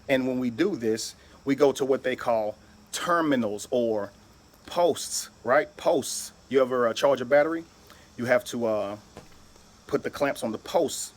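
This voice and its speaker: A husky-voiced man lecturing with emphasis, spelling out words letter by letter. His pitch sits at a middling level, and he keeps checking in with his listeners. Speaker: video speaker. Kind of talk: lecture-style monologue.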